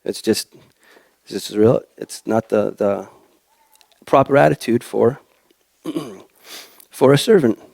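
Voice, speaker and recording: Halting preacher, dry close sound. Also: male voice, mid-range voice, creaky, darkish tone, no echo. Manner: hesitant, many fillers and restarts. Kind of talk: church sermon. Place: church.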